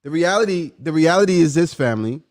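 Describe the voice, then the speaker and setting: A man's voice: a little high, expressive, quick pace. A man hosting a casual live stream, playfully quizzing his viewers and laughing often as he talks. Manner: playful, teasing, questioning the audience; laughs often, swings from loud to hushed.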